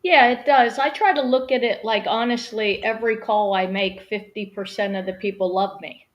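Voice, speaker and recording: A woman's voice: medium pitch, steady tone, normal speed, dull audio. A woman, a referee and former head coach, answering an interview question in a plain, matter-of-fact way. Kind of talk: casual interview chat.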